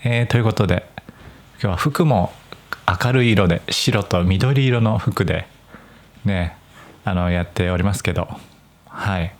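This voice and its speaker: A man's voice: low-pitched, unhurried, pauses often. A young man from Nagoya, Japan, hosting a solo podcast for language learners. He speaks mostly standard Japanese with slight Nagoya touches, in a careful, chatty way. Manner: clear, careful explaining with a relaxed, chatty tone. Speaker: podcast host.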